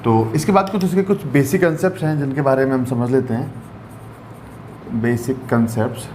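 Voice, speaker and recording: In a medium-pitched, darkish voice at a moderate pace, a man teaches maths to a class, blending English terms into his explanations. He regularly checks in using rhetorical questions, and there's slight noise behind him.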